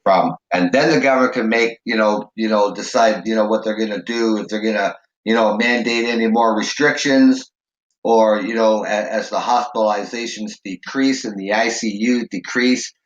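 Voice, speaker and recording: Nursing a sore, raw throat and suppressing a cough, a call-in show host from Canada talks in a rambling way full of fillers and restarts. His fairly low voice keeps a steady tone at a moderate pace, and the audio is dull and roomy.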